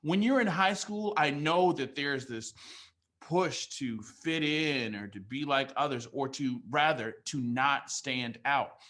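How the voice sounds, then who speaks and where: A young adult male emcee, hyped and casual, with a bright, punchy, mid-range voice and a slow delivery. Working as an event host and teacher, he makes energetic off-the-cuff remarks, enthusiastic and full of casual slang, breaking into bursts of shouting and laughter.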